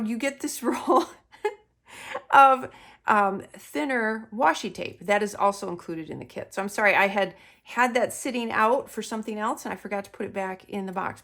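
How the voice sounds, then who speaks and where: A woman's voice: medium pitch, gravelly. A woman hosting a crafting kit unboxing, chatting enthusiastically with self-deprecating asides. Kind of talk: product unboxing chat.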